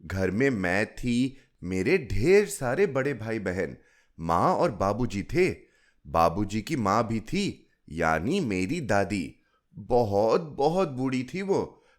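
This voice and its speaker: A man's voice: on the low side, sing-song, slow. A man voicing a coaxing woman of fifty. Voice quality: coaxing, storytelling lilt.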